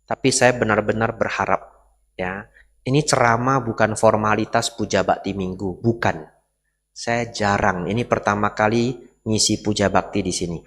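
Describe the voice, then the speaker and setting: A man's voice: fairly low pitch, fairly even intonation, moderate pace, fairly bright tone. A man, a Buddhist monk, giving a dharma talk in a conversational way and often asking the audience rhetorical questions. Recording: reverberant hall.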